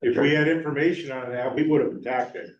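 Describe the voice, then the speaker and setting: A man giving earnest, measured public comment at a town meeting, slowing down to stress his points. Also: mid-range voice, fairly even intonation. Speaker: resident speaking at public forum. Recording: roomy, distant, dull town hall recording.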